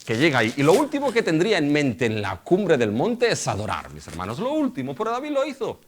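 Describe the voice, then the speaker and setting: A man's voice: a little high, wildly swooping pitch, fairly quick. A middle-aged male pastor delivering a sermon. He keeps asking the congregation rhetorical questions and addressing them as brothers.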